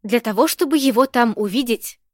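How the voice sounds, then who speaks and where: A woman reading the lines of a cool, ironic woman who speaks slowly, calmly and precisely. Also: on the high side, no room sound, clean studio sound, close to an everyday voice.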